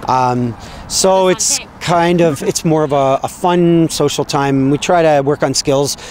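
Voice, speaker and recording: A man's voice: fairly high pitch, unhurried, a little mellow. Coach guy answering questions outside, lots of ums, some street noise. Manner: hesitant, lots of fillers. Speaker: rugby coach. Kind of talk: interview answers.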